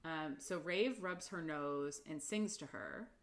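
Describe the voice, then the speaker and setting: A woman's voice: low voice, slow pace. A woman co-hosting a casual book podcast, retelling chapters in a chatty way with frequent laughs and fillers. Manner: chatty, laughs often, lots of "like" and "um". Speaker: podcast co-host.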